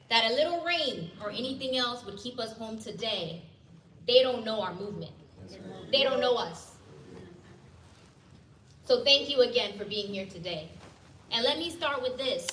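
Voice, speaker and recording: A woman's voice: fairly high pitch, fairly bright tone. A woman from Ghana, giving a rousing rally speech and drawing call-and-response from the crowd. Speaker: rally speaker, legal director. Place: indoor hall at a rally. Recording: echoey hall, distant mic, noisy.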